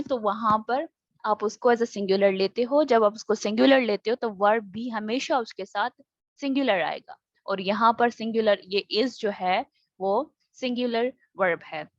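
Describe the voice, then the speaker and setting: High-voiced woman teaching grammar online. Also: a little slow, no echo, lo-fi sound. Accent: Pakistani. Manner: explains patiently, mixing in English phrases. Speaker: English teacher. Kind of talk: online class lecture.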